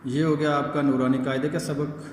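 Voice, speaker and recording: A man's voice: a little high, little pitch movement. A man teaching young children to read Quranic letters, patiently checking in and drawing out each letter sound in a chanted recitation. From Pakistan. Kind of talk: recorded lesson for young children. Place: echoey school room. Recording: echoey room with long reverb, faint hiss.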